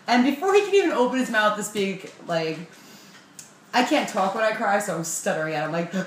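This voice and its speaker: Young woman, casual storytelling vlog, animated, swearing, self-mocking, roomy echo, faint ambience. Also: medium pitch, fairly quick, slight background noise. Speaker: vlogger.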